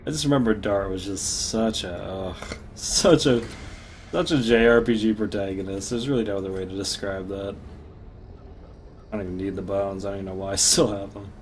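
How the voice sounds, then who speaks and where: A man's voice: lowish voice, fairly even intonation, brisk, a little hiss or hum. A man casually commenting while playing a game, rambling, laughing often and swearing now and then. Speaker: gaming streamer. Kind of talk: casual let's-play commentary.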